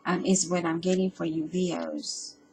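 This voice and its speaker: A woman giving a casual spoken tarot reading, earnest and reassuring, speaking haltingly with frequent ums and restarts. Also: fairly low pitch, sing-song, a little mellow, faint music behind, rough recording. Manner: hesitant and halting, with frequent ums and self-repeats; earnest and reassuring, addressing the listener directly. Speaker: tarot reader.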